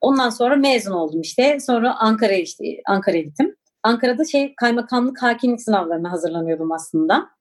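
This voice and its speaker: A Turkish woman in her forties recalls her past in an interview, speaking briskly and animatedly in a voice on the high side. Her manner is reflective and hesitant, with many fillers.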